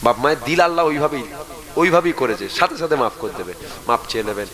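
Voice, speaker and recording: A male preacher delivers a sermon in a slightly raised voice. He presses his listeners, calls on them to answer aloud, and leads them in chanted prayers. A large crowd is clearly heard behind him. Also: fairly high pitch, expressive, fast talker, rough recording.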